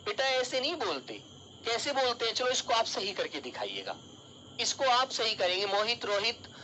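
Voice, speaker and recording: A man's voice: very high-pitched, big pitch swings, normal speed, sharp tone, a little hiss or hum, poor audio. A male teacher giving an online exam-prep lesson, calling his students child and dear and explaining with everyday examples.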